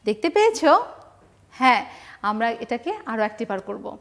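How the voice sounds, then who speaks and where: A woman with a Bangladeshi Bengali accent teaching a first-grade alphabet lesson, stretching words slowly and prompting children to repeat after her. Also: a little high, big pitch swings. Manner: slow, stretched call-and-response drilling of words; encouraging, sing-song prompting of children. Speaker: primary school teacher.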